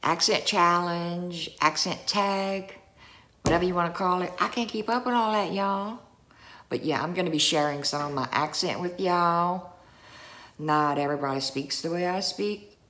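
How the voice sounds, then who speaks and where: A woman's voice: fairly low pitch, a bit bright. A middle-aged woman from Southwest Louisiana with a South Louisiana accent, chatting folksily in a casual accent-tag vlog. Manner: chatty, folksy, drawn-out words. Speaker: YouTuber.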